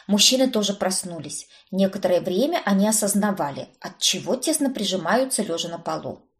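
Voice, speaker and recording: Lively woman narrating an audiobook. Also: medium pitch, fairly quick. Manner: lively, expressive reading. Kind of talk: first-person audiobook narration.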